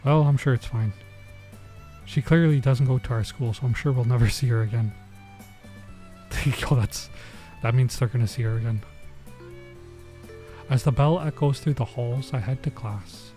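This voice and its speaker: Reading a visual novel's story aloud on stream, a man reacts with informal, bemused comments. He talks at a moderate pace with frequent pauses, his voice medium-pitched and mellow, while game music plays under him.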